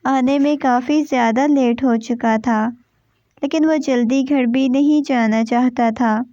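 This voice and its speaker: A woman narrates a romance novel with a high voice and a steady storytelling pace. The recording is dry, with no room sound. It also sounds slightly dull and lo-fi. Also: dry recording. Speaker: novel reader.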